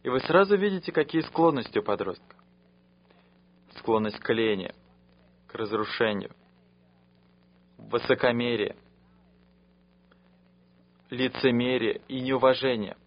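A man preaches in an earnest, measured way at a middle pitch. His voice sounds dull and lo-fi, like an old radio sermon.

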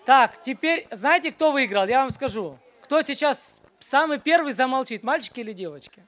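A woman teaching at a children's church, running a brisk Bible quiz and then a short sermon, and she keeps hushing the noisy group. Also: high-pitched, lively intonation.

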